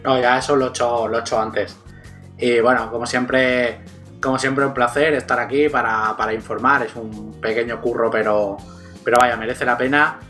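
A man's voice: medium pitch, little pitch movement, normal speed, sharp tone, soft background music. A man co-hosting a casual gaming podcast, teasing and swearing. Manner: crude, teasing. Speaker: podcast co-host. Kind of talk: casual banter.

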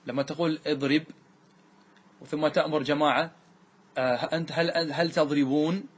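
Male grammar teacher, husky voice pitched a bit high, quizzes the class and chants verses slowly. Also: steady tone. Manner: quizzes students with quick questions; recites verses slowly and drawn-out. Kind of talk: classroom lesson.

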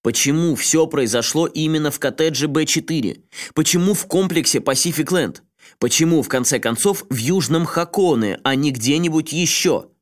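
A man voicing an excitable male friend who blurts out sharp, sardonic remarks and sudden ideas. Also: on the high side, normal speed, pitched above the performer's own voice, close to an everyday voice. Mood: insistent. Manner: abrupt, sardonic outbursts.

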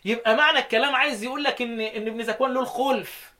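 Egyptian guy with a high voice teaching quran readings, asks the class and answers himself. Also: steady tone, bright, forceful tone. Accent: Egyptian Arabic. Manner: asks students questions and answers them himself, chants verses slowly. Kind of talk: religious lesson explaining recitation readings.

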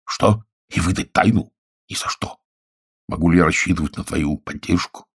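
Man playing a hushed, scheming husband. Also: low voice, moderate pace, slightly rough. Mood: secretive. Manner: hushed, conspiratorial, often half-whispered. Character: stout scheming husband, secretive and bossy.

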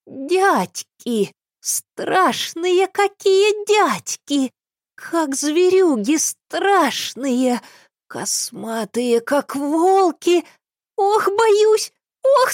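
A senile old woman cries out in a high, squeaky, childish voice, whimpering and sing-song. The storybook reading sounds dry and close. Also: expressive, drawn-out words, no room sound, exaggerated voice. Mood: terrified. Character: frightened elderly woman speaking in a childish squeaky voice.

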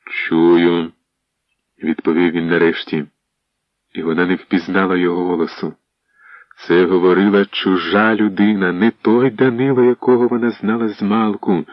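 Man, very deep voice, audiobook narrator, dry close sound, dull lo-fi recording. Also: dry recording.

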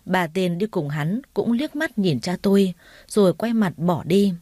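A woman narrating a story in the first person with a steady, earnest reading. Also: on the low side, measured pace, no echo, clean studio sound.

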